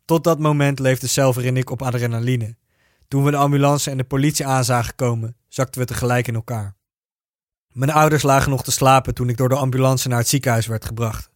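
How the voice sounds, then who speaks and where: A man reading a first-person story aloud in a steady, even narrating voice. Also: mid-range voice, brisk, dry recording, studio quality.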